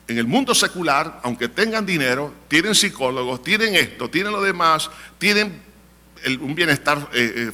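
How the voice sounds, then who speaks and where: Guy pastor preaching, bright voice, long hall reverb. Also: on the high side. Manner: storytelling, quotes people in raised voices, exhorting. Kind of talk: sermon with testimony.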